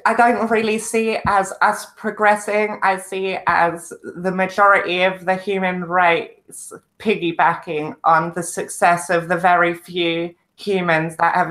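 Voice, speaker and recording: A woman in a livestream discussion who speaks with dry sarcasm and argues her points in a measured way. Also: on the low side, fairly bright tone. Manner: dry and sarcastic, then measured when arguing.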